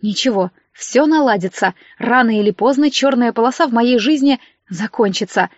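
Female audiobook narrator, measured first-person read, dry close studio mic. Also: fairly high pitch, no echo, lo-fi sound.

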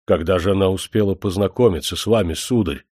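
A man reading a storybook, voicing a stern but humble old widowed father who speaks in a slow, deferential way. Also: low-pitched, darkish tone, no echo, clean studio sound. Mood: humble, wary.

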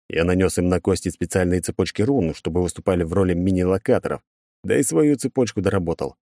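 A man reading a first-person audiobook story in a measured, even manner. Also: low-pitched, no room sound, clean studio sound. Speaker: audiobook narrator.

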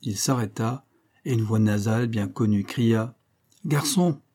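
Casting : homme, lecteur de livre audio, timbre sombre et doux, débit mesuré. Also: male voice, on the low side, steady tone, moderate pace, dark tone. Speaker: audiobook reader. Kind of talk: scripted narration of a classic novel.

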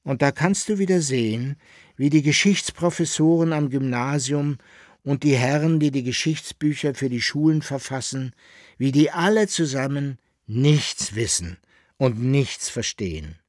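A man voicing an opinionated student tutor in an audiobook, lecturing in a lively, indignant way. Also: mid-range voice, measured pace, no room sound, clean studio sound. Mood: ranting.

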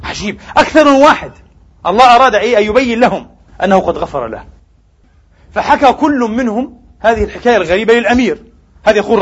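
Husky high-voiced male preacher. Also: muffled recording. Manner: emphatic preaching, rising and falling sharply; addresses the congregation as brothers and sisters. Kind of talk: Friday sermon.

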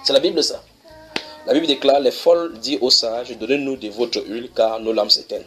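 A male preacher teaching a sermon in a church, reading each verse slowly and then explaining it. He keeps checking whether his listeners follow. His voice sits at a middle pitch, with faint music underneath. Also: a bit bright.

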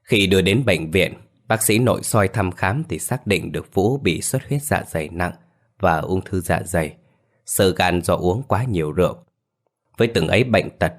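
A man narrating a ghost story in a measured storytelling way. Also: sits low. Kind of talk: scripted horror narration.

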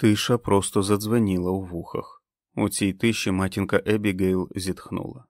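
A man reading a novel aloud as an audiobook narrator, in a measured, expressive way. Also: sits low, no echo, studio quality. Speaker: audiobook reader. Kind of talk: scripted narration.

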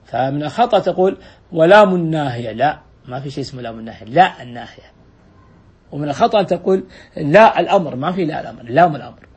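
A man teaches grammar to a class, his voice slightly raised in pitch and somewhat husky. He works through each rule patiently, repeats his examples and keeps asking the students questions. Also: animated, rapid-fire.

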